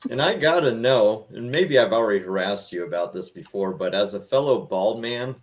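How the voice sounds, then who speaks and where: Male podcast host, slightly low voice, relaxed joking interviewer. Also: moderate pace. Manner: joking, chatty questions. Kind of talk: casual interview.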